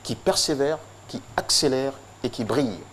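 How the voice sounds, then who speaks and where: A man's voice: medium pitch, moderate pace, fairly bright tone. Guy reading out a big tribute, solemn and rhythmic, bit of hiss behind. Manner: solemn, rhythmic, with emphatic repetition. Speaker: tribute presenter. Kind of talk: declamatory tribute speech.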